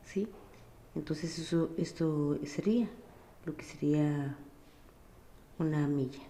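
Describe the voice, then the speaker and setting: A woman's voice: deep voice, dark tone. A woman teacher, patiently explaining a physics lesson and often checking that her students follow. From Mexico. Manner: patient, keeps checking with a questioning "sí?".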